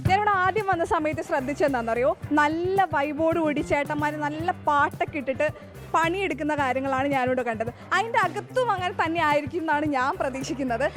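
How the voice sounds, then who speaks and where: A woman's voice: high voice, animated, fast, soft background music. A woman with a Kerala Malayali accent presenting casually on location, mixing English slang into her Malayalam. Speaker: vlog presenter.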